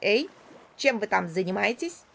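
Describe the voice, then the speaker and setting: A woman's voice: medium pitch, big pitch swings, a little slow, creaky, fairly bright tone, heavily acted. A woman voicing a practical, bossy male parrot who speaks in a firm, commanding way. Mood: matter-of-fact, bossy.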